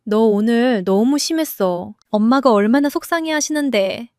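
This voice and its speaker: A woman's voice: on the high side, expressive, moderate pace, a little mellow, no echo, clean studio sound, lightly acted. A woman reading as a reproachful husband. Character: adult husband siding with his mother.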